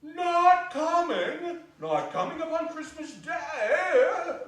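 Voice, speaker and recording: A man's voice: very high-pitched, expressive, takes it slowly, a bit bright, voice pushed up, heavily acted. A man playing an eager, cheerful poor father in a dramatic stage reading. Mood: dismayed. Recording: echoey hall from far off, faint noise.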